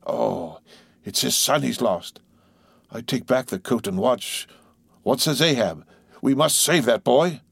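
A wry ship's mate gossips under his breath with a mocking edge, as a male reader puts him on. The delivery is unhurried and sly. The sound is close and dry. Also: medium pitch, expressive, gravelly, slightly rough, no room sound, exaggerated voice. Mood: moved.

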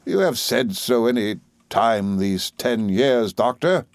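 A man voicing a grave, measured middle-aged lawyer who speaks dryly. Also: medium pitch, expressive, no room sound, pitched above the performer's own voice.

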